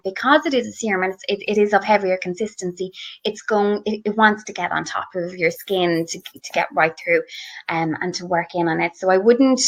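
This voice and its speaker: Gravelly and fairly low-pitched, this Irish guest beauty blogger talks excitedly about the skincare products she loves most. She keeps restarting and filling gaps with fillers, captured on slightly muffled lo-fi audio.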